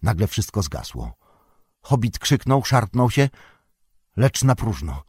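A man narrating an audiobook in a measured, even storytelling manner. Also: fairly low pitch, breathy edge, dry recording, studio quality.

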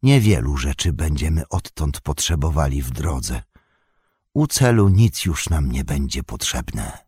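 A man's voice: extremely low pitch, very animated, a little slow, a little mellow, breathy edge, no echo, clean studio sound, pitched below the performer's own voice, full character voice. A man voicing a weary, burdened young male hobbit who speaks with anguish and sorrow. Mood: resigned.

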